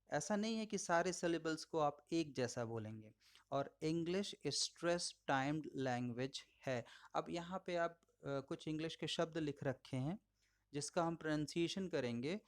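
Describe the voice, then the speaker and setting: Male lecturer, slightly high voice, patient explanation, slows to model words. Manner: explains patiently, addresses listeners as friends. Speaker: English teacher. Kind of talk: recorded audio lecture.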